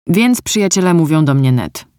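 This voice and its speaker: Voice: mid-range voice, expressive, normal speed, darkish tone, clear, resonant tone, no echo, clean studio sound, close to an everyday voice. A storyteller voicing a grown man, a guarded stranger who speaks bluntly and ironically. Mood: gruff.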